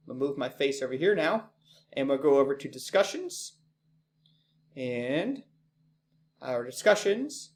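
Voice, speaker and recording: A man teaching an online class, talking casually with many ums and quick apologies for slips. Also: on the high side.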